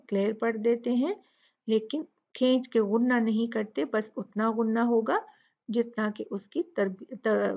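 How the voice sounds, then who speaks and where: A woman's voice: a little high, creaky, a little mellow, dull audio. A woman teaching tajweed step by step, patiently repeating each sound syllable by syllable. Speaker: Quran recitation teacher.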